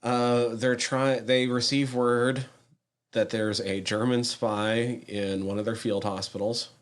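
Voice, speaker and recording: A man's voice: medium pitch, flat delivery, slow. A man co-hosting a podcast, chatting casually and easily with short agreeing replies. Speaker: podcast co-host. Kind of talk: casual review chat.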